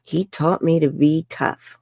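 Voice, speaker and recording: Her voice is low, creaky and darkish, steady in tone and unhurried. The 70-something New Yorker is an interview guest sharing her personal story openly and chattily, laughing often and saying "bloody," in a dry recording.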